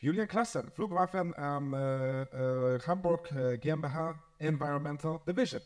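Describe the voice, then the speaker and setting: A man's voice: on the high side, moderate pace. Hesitant male panel moderator. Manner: hesitant, many fillers, polite. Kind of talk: formal event hosting.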